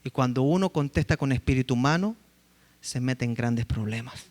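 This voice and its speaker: A man preaching a sermon as pastor, telling stories with lively acted-out quotes. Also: mid-range voice, moderate pace, big-room sound. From Chile. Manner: lively storytelling, acting out quotes. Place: church sanctuary.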